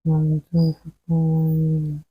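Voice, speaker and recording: A medium voicing the troubled soul of a woman, answering in slow, short, husky murmurs. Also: medium pitch, rough recording. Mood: subdued. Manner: slow, flat, few-word replies.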